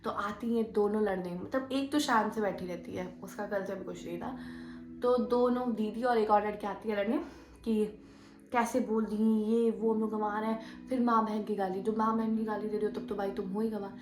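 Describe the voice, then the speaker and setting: A young woman vlogger in her young adult years casually retells a story in a mid-range voice at a moderate pace, animatedly acting out the quoted arguments. The room is echoey.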